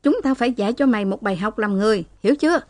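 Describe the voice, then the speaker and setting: Woman putting on an angry sturdy office woman, hissing, cursing, scolding, raised pitch. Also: very fast, dry recording, natural voice. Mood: furious cursing.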